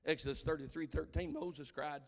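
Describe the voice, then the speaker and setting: A man's voice: fairly high pitch, fairly even intonation, moderate pace. Impassioned preacher, man, long church reverb. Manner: impassioned, swelling to shouted cries. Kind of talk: sermon. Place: church sanctuary.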